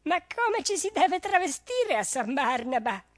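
A man's voice: extremely high pitch, big pitch swings, a little slow, a bit bright, dry recording, clean studio sound, pitched above the performer's own voice, full character voice. A man reading a story and voicing an anxious young female sheep who keeps asking worried questions.

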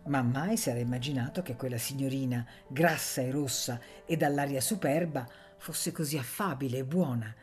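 A woman reading a novel aloud for radio in a measured, expressive way. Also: rumbling low, slightly rough. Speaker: audiobook reader.

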